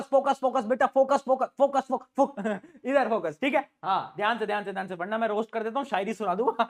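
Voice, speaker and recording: Male teacher, energetic exam-prep lecture, joking and teasing, mixes in English. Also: high voice. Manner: playful, teasing, calls students "beta"; mixes English terms into Hindi.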